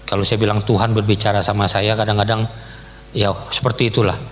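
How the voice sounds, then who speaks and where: A man's voice: fairly low pitch, little pitch movement, quick pace. Middle-aged man, guest pastor, chatty joking sermon, long church reverb, faint hum behind. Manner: casual, joking, Jakarta slang. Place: church hall.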